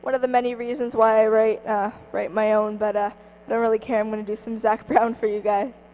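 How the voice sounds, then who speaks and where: A woman's voice: on the high side, level tone, fairly quick, muffled recording, a little hiss or hum. A teenage girl from Canada, a country singer, chatting upbeat in an interview with plenty of ums and likes. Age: teens. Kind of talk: casual interview.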